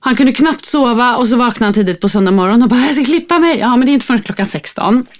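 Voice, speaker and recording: A woman telling a personal story in casual chat, acting out the people in it as she goes. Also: fairly high pitch. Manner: animated, acts out voices in the story.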